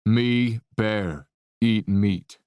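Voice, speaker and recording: A woman putting on a worn-out, gruff man's voice, dropped far below her own and kept short and tired. It is read for an audiobook in a dry booth with no room sound. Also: very slow, mellow, no echo, heavily acted. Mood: weary. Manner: low, tired and clipped. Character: weary gruff grown man, the eldest brother. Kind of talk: audiobook narration.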